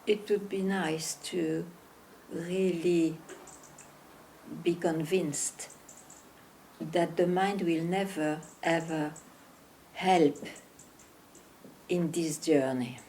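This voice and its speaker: Slow, gentle woman spiritual teacher. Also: lowish voice, steady tone, slight background noise. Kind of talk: satsang talk.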